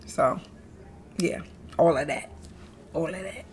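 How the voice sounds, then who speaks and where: A woman's voice: fairly low pitch, takes it slowly, darkish tone, a little hiss or hum. A middle-aged mother chatting as an interview guest, playful and laughing often, repeating words for emphasis. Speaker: guest, mother and business founder. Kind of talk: casual conversational interview.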